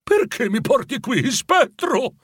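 A man voicing a remorseful old miser in a storybook reading, pleading in anguish with a raised pitch. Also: very animated, measured pace, vocal fry, loud music behind the voice, exaggerated voice. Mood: fearful.

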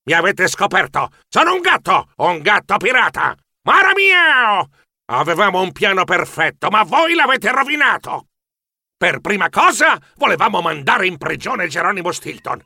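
A man's voice: sits high, big pitch swings, gravelly, pushed and bright, no room sound, clean studio sound, full character voice. A man voicing a sly, boastful male pirate cat in a storybook, talking in a smug, mocking way. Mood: gloating. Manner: smug, mocking, rapid-fire questioning.

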